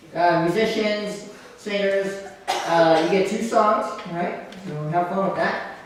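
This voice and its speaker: A man's voice: high voice, slow. A man hosting an open mic, telling a story in a loose, rambling way full of fillers. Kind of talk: live stand-up storytelling. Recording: echoey venue, mic at a distance, faint noise.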